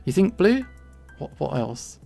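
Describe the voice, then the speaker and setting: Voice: medium pitch, sing-song, a little slow, mellow, soft background music. A streamer with a southeast English accent, chatting casually and playfully while drawing, pronouncing words with care. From southern England. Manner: clearly enunciated, pronounces T's; playful, chuckles often.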